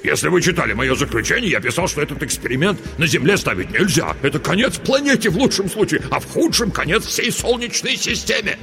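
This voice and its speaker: An actor playing an irate, gravelly-voiced 83-year-old male physicist who shouts and scoffs in an audiobook. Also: on the high side, sing-song, fast talker, few pauses, heavily acted. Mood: sarcastic. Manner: shouting, indignant, sarcastic. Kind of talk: audiobook character acting. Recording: reverberant with background music.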